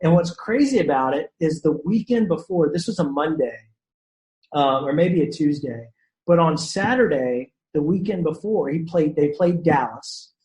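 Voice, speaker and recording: Roomy-sounding animated storyteller man. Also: a little high, moderate pace. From Shreveport area, Louisiana. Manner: animated storyteller, many fillers and restarts. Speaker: podcast guest. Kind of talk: casual storytelling chat. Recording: roomy echo.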